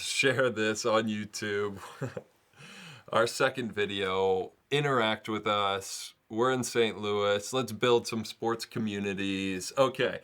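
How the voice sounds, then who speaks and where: Chatty low-voiced male sports vlogger. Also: a bit bright, smooth. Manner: rambling, self-deprecating, chatty. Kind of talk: casual sports talk.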